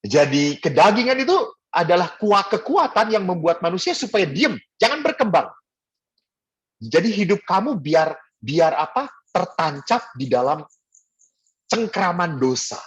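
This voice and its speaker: Husky middle-aged priest, lively storyteller. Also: male voice, high voice, measured pace. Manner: animated storyteller who acts out voices. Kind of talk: casual spiritual talk to a youth group.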